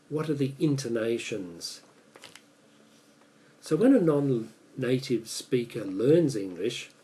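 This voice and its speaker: Aussie guy, warm mellow voice, measured prepared talk, mic a little distant. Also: medium pitch. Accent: Australian. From Australia. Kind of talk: prepared speech.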